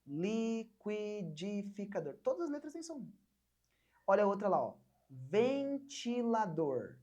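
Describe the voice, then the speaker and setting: A young woman from Brazil teaching an online English lesson, patiently repeating words slowly for learners to copy. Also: on the high side, big pitch swings, a little mellow.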